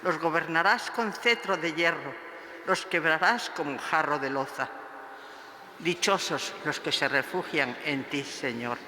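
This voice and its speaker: High slow male reader, cathedral echo. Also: pushed and bright. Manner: measured, declaiming each phrase. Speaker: lector reading scripture and psalm. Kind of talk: slow solemn liturgical reading. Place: large church. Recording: echoey church with long reverb, faint hiss.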